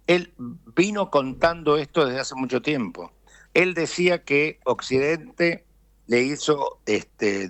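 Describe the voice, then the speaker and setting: An Argentine businessman being interviewed, explaining his views deliberately and filling pauses with frequent hesitations. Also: mid-range voice, fairly bright tone, no room sound. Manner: deliberate, thinking aloud with frequent "este" fillers. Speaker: businessman guest. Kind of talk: conversational interview analysis.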